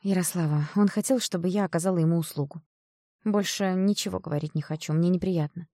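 A woman's voice: on the low side, quick pace, warm tone, dry recording, clean studio sound. A woman doing an anxious, weary mother. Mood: firm. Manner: nervous, subdued, then firm.

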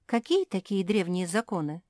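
Lady doing a cheery little girl dog, blunt, slow, dry sound. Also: mid-range voice, expressive, no room sound, pitched above the performer's own voice. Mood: cheerful. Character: plucky, frank young female dog.

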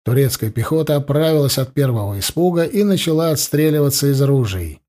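A man reading a novel aloud as an audiobook narrator, in steady storytelling and voicing the sound effects himself. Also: medium pitch, brisk. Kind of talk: scripted narration of a war novel.

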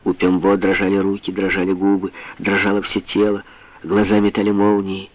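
Deep-voiced man narrating an audiobook. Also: monotone, moderate pace, no room sound, lo-fi sound. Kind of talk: scripted narration.

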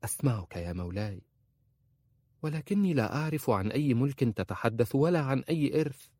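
Brief: male reader doing a clever, devoted young woman, soft and humble, quiet delivery. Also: medium pitch, expressive, a little fast, no echo, studio quality, pitched above the performer's own voice, close to an everyday voice. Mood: pleading. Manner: soft, hushed and pleading. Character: young female slave girl, devoted and clever.

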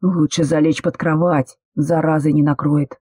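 Reader voicing a gruff, hissing young man. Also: medium pitch, little pitch movement, measured pace, warm tone, no echo. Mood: urgent. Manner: hissing, insistent. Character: young male passenger, gruff, anxious. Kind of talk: audiobook character voice.

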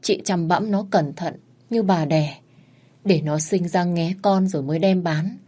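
A woman's voice: fairly low pitch, unhurried, dark tone. A woman narrating an emotional story expressively. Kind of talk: dramatic audio story narration.

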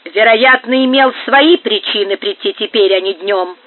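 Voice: mid-range voice, normal speed, dry recording, lightly acted. The reader voicing a huge male visitor who speaks insistently and secretively, in an audiobook. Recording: narrow phone-like sound.

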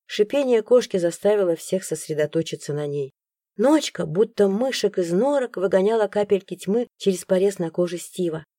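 A woman reads a first-person audiobook, her pitch rising and falling in a lively way. Her tone is mellow and soft, and the recording sounds dry and close. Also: moderate pace, dry recording. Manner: expressive, animated storytelling. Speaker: audiobook narrator.

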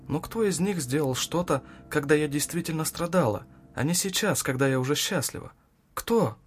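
A man doing a shrill unhinged young woman. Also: animated, normal speed, a little hiss or hum, lightly acted. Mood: fierce. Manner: mocking, shrill, shouting at times.

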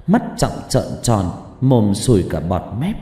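A man narrating a horror story expressively, dropping low for tense moments. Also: measured pace. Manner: expressive, sinking low for dread. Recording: heavy hall reverb with music.

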